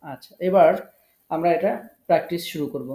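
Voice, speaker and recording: A man's voice: on the high side, a little fast, roomy sound, background noise. A man teaching a live online Quran recitation class, calling on students one by one, patiently correcting and drilling their pronunciation. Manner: patient, coaxing, repeats drills and gives tech help.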